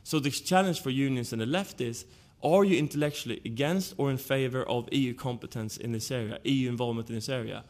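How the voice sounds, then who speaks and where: A man's voice: medium pitch, fast, hardly any pauses, darkish tone. A man from Sweden with a Swedish accent, speaking as a panelist at a conference and laying out his arguments one point at a time. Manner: argumentative, lays out points in order.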